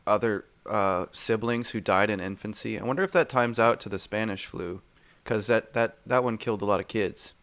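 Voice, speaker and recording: Bright, crisp man trading deadpan quips. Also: fairly low pitch, normal speed. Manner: deadpan one-liners. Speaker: podcast co-host. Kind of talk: casual chat.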